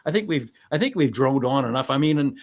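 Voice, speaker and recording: A man's voice: mid-range voice, expressive, quick pace, muffled recording. A man who is a lawyer hosting a true-crime channel, chatting casually on a video call with a rambling, emphatic manner and self-deprecating asides. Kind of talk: casual panel discussion.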